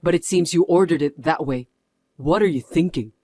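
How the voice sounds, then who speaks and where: Guy doing a stern exec, firm and scolding, voice a bit high, dry close sound. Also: moderate pace, warm tone, dry recording, natural voice. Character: stern male company executive. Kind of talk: voiced story drama.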